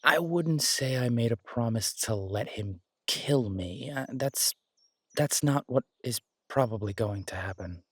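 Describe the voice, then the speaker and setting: This man's husky, mid-range voice has lively intonation as he plays a gentle, reassuring werewolf boyfriend, affectionate and easygoing, who tinkers with bikes. His halting, casual lines in the intimate roleplay audio drama come through with no echo.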